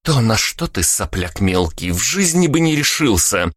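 A man's voice: fairly low pitch, very animated, measured pace, no echo, studio quality, pitched above the performer's own voice, heavily acted. A man voicing a brash, teasing young woman who fights and swears freely, in an audiobook. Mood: bossy. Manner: teasing, crude and bossy. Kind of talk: audiobook character voice.

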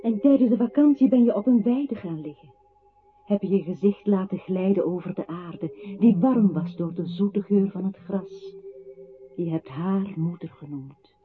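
This actor's voice sits high and moves unhurriedly as he plays an accusing figure, gravely narrating a prisoner's life back to him in a poetic radio drama. Faint music runs behind him on a thin, hissy vintage radio recording.

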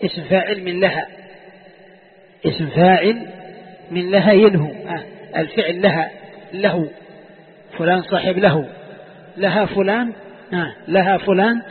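A man's voice: sits high, a little hiss or hum. A man teaching a classroom lesson on Quranic exegesis, repeating questions to his students and dictating sentences for them to write down. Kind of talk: classroom lecture with call-and-response questions. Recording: tinny lo-fi lecture recording, long hall reverb.

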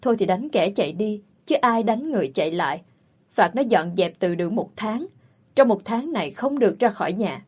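Storybook: calm mother of a rich house, measured and gentle; woman reading, husky tone. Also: medium pitch. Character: calm older mother, wealthy family matriarch.

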